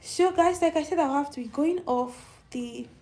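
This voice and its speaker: A middle-aged woman whose high, mellow voice sounds young hosts her channel's casual live stream at a moderate pace. She chats and answers viewer comments.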